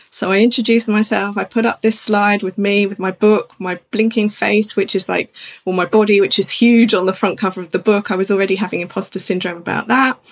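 A middle-aged woman, a coach and speaker, telling a personal story in an animated conversational way. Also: medium pitch. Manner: animated, acts out other people's voices in her anecdotes.

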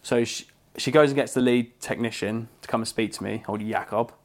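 A young English man co-hosting a podcast, telling a story in a casual, animated way and swearing freely. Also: mid-range voice, brisk. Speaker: podcast co-host.

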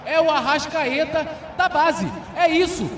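High-pitched, exuberant Brazilian male football commentator. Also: measured pace, a bit bright. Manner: exuberant, slangy, repeating catchphrases. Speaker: football commentator reacting after goals. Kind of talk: excited colloquial match commentary. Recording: echoey, with faint noise and crowd. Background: stadium crowd.

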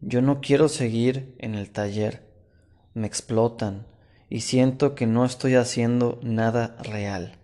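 A man voicing a young craftsman who speaks in an earnest, softly wondering way. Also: mid-range voice, fairly even intonation, slow, close to an everyday voice.

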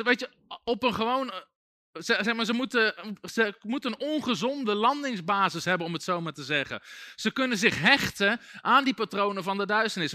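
Male preacher, high voice, bright tone, dry close sound, chatty sermon with restarts. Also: no room sound. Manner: conversational, many asides and restarts.

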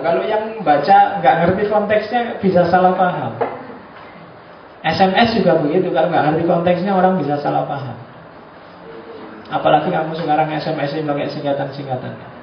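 A man's voice: high voice, far from the mic. A male university lecturer, giving a chatty, joking class lecture and acting out examples. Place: lecture room. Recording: echoey room from afar, dull lo-fi, background noise.

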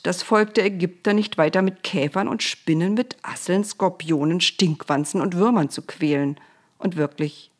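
Low-voiced woman reading a Bible story.

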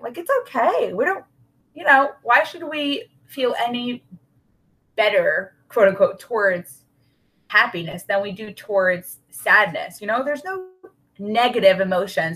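A woman's voice: medium pitch, fairly bright tone, poor audio. A woman talking as a guest expert in a podcast interview, who acts out the worried voices in people's heads. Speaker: guest expert on child anxiety.

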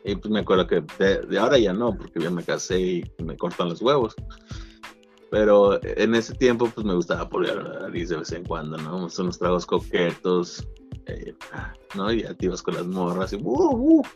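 A man's voice: low-pitched, moderate pace. A young man with a Chicano Mexican-American accent chatting casually in slangy, profane Spanglish-sprinkled speech, telling anecdotes. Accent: Chicano Mexican-American Spanish. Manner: slangy, profane, mixes in English words. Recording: dull lo-fi sound, faint music behind.

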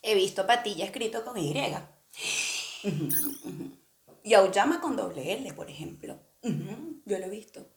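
A young woman with a Venezuelan accent, chatting casually with lively slang and laughter. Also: medium pitch, normal speed. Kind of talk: casual chat. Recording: roomy echo.

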